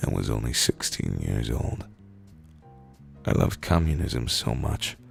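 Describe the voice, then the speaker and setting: This narrator is very animated as he reads short stories drawn from internet posts, delivering them slowly, lowly and dramatically with long pauses. Days of screaming have made his voice hoarse, raspy, rumbly and gravelly with fry. Faint music can be heard behind.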